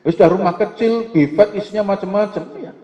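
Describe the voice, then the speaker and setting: A middle-aged man, giving a religious lecture to parents in a joking, lively way that keeps asking for agreement. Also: high voice, a little fast. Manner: joking, lively, asks "ya kan?" often. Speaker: preacher. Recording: echoey hall, dull lo-fi sound.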